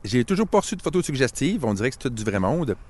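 Lively Québécois man telling a comic story. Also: medium pitch, quick pace. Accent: Québécois French. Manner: animated, self-mocking storytelling. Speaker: podcast guest, tech and social media expert. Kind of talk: casual podcast chat with comic narration.

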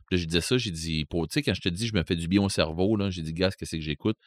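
Low-voiced Québécois man, rambling. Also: rapid-fire, no room sound. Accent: Québécois French. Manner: rambling, many fillers and restarts. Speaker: podcast co-host. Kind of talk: casual chat.

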